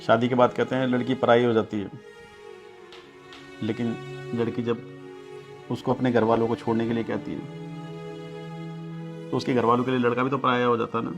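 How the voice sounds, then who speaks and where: Actor for a subdued, dejected husband with a gravelly voice over clear music. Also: male voice, mid-range voice, little pitch movement, moderate pace, long pauses, lo-fi sound, natural voice. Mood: weary. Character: weary young husband torn between wife and family.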